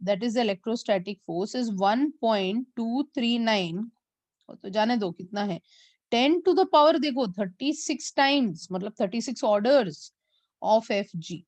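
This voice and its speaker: A woman physics teacher, mixing Hindi and as she teaches an online class and slowly repeats numbers for her students. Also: a little high, darkish tone, no room sound. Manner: mixes Hindi and English.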